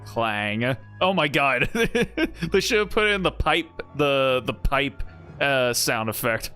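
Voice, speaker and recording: A man's voice: a little high, bright, forceful tone, soft background music. A young man streaming a game, reacting casually with crude jokes and reading bits of narration aloud. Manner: joking, crude, drawn-out asides.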